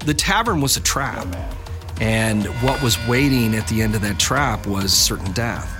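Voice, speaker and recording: A man's voice: fairly low pitch, animated, unhurried. A man giving dramatic storytelling commentary on historical crime for a documentary. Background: music behind the voice.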